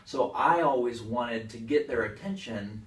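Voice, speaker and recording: A stage performer with a mid-range voice answers interview questions casually, explaining things simply in a halting, conversational way. He's far from the mic in an echoey room.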